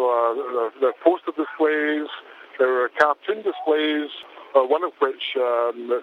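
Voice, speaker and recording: A male correspondent giving a news report by mobile phone, speaking haltingly with frequent fillers and restarts, heard over a tinny phone line. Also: mid-range voice, slight background noise.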